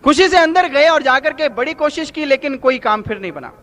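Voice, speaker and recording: High, bright-voiced male preacher. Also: expressive, fairly quick. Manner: storytelling, explaining with examples and anecdotes. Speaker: spiritual preacher. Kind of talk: satsang sermon with parables.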